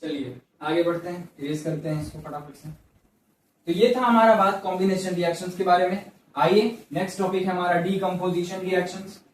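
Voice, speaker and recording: A man's voice: high-pitched, steady tone, moderate pace. A male science teacher lecturing at the board, repeating key terms and asking and answering his own questions. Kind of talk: classroom lecture. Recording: very echoey room, mic far off.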